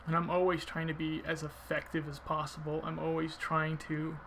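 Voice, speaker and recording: A man's voice: a little high, completely flat delivery, moderate pace, fairly bright tone, a little hiss or hum. A man giving casual video game commentary, thinking aloud informally as he explains his technique.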